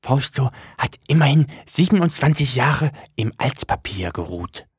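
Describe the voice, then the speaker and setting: A skittish little storybook demon, covered in fur and forever fretting over his rules, speaks of himself in the third person in a high, strained voice, as a male reader puts him on. He sounds formal and anxious. The recording is close and dry. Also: sing-song, unhurried, breathy edge, no room sound, exaggerated voice. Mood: solemn. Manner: formal, anxious, rule-bound. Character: small furry male book demon, timid and fussy.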